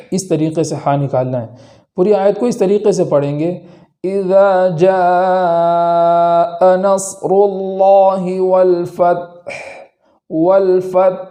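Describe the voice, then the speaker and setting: A man teaching Quran recitation rules, explaining each letter and slowly reciting examples. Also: fairly high pitch, dark tone. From India. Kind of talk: tajweed lesson with recited examples.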